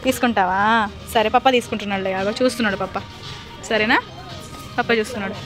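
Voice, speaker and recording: A woman's voice: medium pitch, steady tone, fast, fairly bright tone. A young mother, chatting to camera and coaxing and fussing over her small son. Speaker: mother vlogging a family outing. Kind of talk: casual family vlog. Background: background music.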